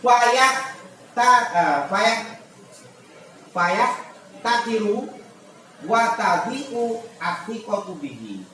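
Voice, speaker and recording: A man's voice: extremely high pitch, big pitch swings, drawn-out words, pauses often, bright, forceful tone. A man teaching a religious lesson to a class, reading Arabic lines and explaining them casually, acting out little scenes. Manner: reads Arabic text then explains it in casual speech; acts out short scenes in quoted voices. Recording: echoey room, far from the mic, noisy.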